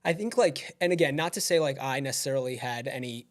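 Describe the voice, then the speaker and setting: A man chatting as a podcast guest, energetic and affirming, quick to agree. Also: medium pitch. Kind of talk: casual chat.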